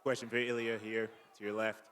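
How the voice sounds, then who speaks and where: A male reporter asks a question at a press conference. His voice sits on the low side and barely moves in pitch. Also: level tone, a little fast, a bit bright.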